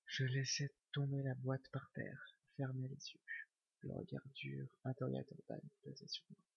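A man giving a whispered ASMR reading of a novel, slow and hushed. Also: mid-range voice, creaky, breathy edge, no room sound. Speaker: ASMR reader. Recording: dull lo-fi recording.

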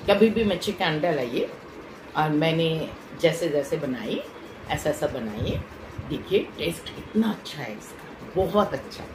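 A woman's voice: low voice, animated, a little slow, echoey room, noisy background. A woman food vlogger chatting casually to viewers while chewing her food, recommending a dish. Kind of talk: casual eating show chat.

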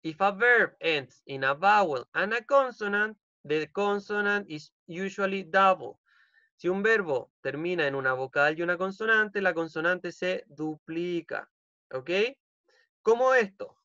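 A man's voice: high voice, bright, forceful tone, no echo, lo-fi sound. A male English teacher with a Chilean accent, giving an online class and repeating each rule in Spanish with frequent "ok?" checks. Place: home. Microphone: computer mic on a video call.

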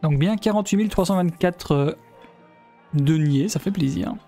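A man's voice: on the high side, moderate pace, mellow, soft background music. A man from Belgium giving live commentary on his strategy game, thinking aloud and often trailing off mid-sentence. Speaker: let's play gamer.

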